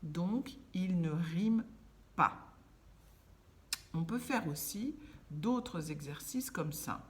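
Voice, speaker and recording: A woman gives a lesson to young children, stretching out each word with care. Her pace is very slow, and her pitch moves up and down a great deal. Her voice sits a little low for a woman. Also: expressive. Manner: slow, carefully enunciated, stretching words for children. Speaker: teacher.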